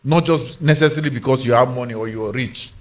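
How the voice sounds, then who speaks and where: A man's voice: medium pitch, fast talker. A man with a Nigerian accent giving his opinions emphatically on a podcast panel in Pidgin and English, often checking he is understood.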